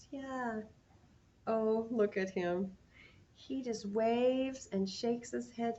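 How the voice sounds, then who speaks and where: A woman teaching preschoolers, talking slowly and playfully while she makes a paper craft, often breaking into sung and whispered parts. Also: medium pitch, vocal fry, dark tone, highs cut off, a little hiss or hum. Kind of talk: singing and talking to young children.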